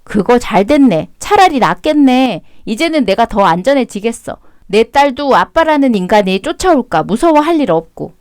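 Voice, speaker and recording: A woman's voice: fairly high pitch, very animated, moderate pace, few pauses, a little mellow, no room sound. A woman acting out a radio drama as the wife, speaking in a cool, blunt and sarcastic way. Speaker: voice actor narrating and playing the wife.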